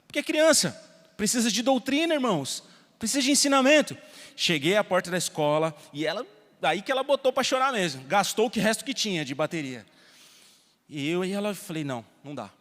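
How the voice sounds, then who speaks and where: Brazilian pastor guy, highish voice, sermon in a big church with long echo, goes quiet then loud. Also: lively intonation, brisk. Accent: Brazilian Portuguese. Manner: storytelling preacher, shifts between soft asides and loud emphasis. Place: church hall. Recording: long reverb of a church hall.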